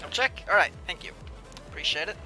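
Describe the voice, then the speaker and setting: This young streamer is animated and brisk, his high-pitched voice, which he calls whiny, competing with loud, clear music. Chatting casually on his live stream, he reads chat aloud and mumbles to himself between moves in the game.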